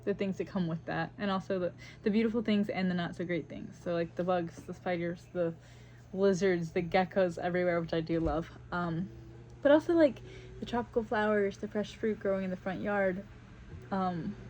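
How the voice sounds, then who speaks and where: A woman's voice: on the low side, fairly even intonation, normal speed, darkish tone, low-quality recording. A young woman vlogger chatting casually while she paints, rambling and upbeat with lots of fillers. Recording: noticeable background noise.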